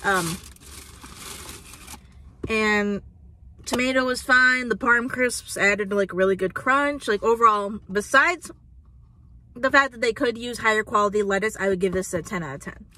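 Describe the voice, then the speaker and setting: Medium in pitch, measured in pace, and pushed and bright, this young woman's voice leaves long pauses, over a little hiss or hum. She's in her twenties, casually vlogging a food review from a parked car via a dashboard phone camera, and says "like" and "um" a lot.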